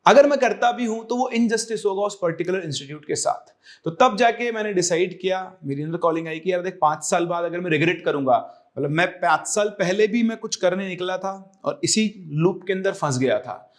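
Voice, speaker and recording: A man's voice: high voice, fairly quick. A young man and coaching teacher explaining a career decision to viewers, earnest and reassuring, slipping English phrases in. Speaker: online exam coaching teacher.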